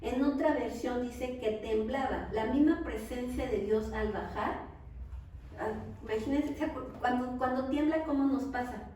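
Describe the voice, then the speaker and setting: Slow Mexican woman preaching in an echoey hall. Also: a little high, warm tone. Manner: conversational, often checks with the audience by asking questions. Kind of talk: church Bible teaching. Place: large echoey church hall. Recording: very echoey hall, speaker far from the mic, faint noise.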